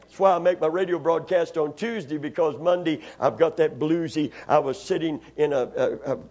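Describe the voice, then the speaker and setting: At normal speed, a pastor with a higher voice and a darkish tone preaches a sermon in a church sanctuary, using call-and-response and asking for amens to draw the congregation in. His voice is raspy after Sunday preaching. The audio is dull and lo-fi, as though captured on older church equipment.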